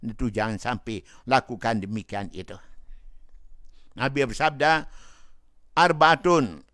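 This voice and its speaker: A man's voice: fairly low pitch, moderate pace, fairly bright tone, no room sound, clean studio sound. A man giving religious advice as a preacher, retelling a story in a folksy, repetitive way with frequent rhetorical asides. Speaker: Islamic preacher answering a listener.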